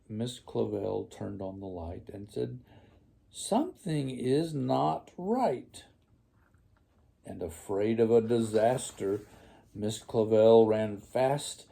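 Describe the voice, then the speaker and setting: An old man reads a picture book aloud as a grandfather would to a child. His voice is dark and mellow, with a gravelly creak, and he takes each phrase very slowly and deliberately. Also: fairly low pitch. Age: older, grandfather. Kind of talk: storybook read aloud.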